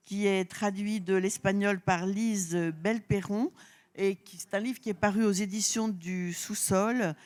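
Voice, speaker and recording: Woman, panel moderator, hesitant, many fillers, restarts, mid pitch. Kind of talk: live festival panel introduction.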